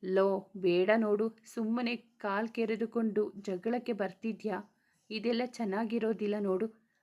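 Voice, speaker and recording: A woman voicing a spirited young wife in a storybook reading, affectionate yet sharp-tongued. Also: mid-range voice, fairly even intonation, measured pace, lightly acted. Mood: stern.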